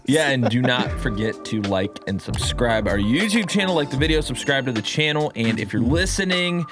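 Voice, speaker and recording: A man co-hosting a podcast in casual chat, halting and repeating words as he thinks. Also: mid-range voice, expressive, over music. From United States. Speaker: podcast co-host.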